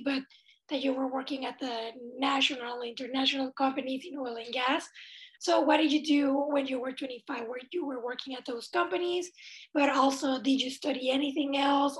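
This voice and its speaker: A woman in her twenties hosting an interview podcast, introducing the show and asking friendly questions. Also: sits high. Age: 20s. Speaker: podcast host.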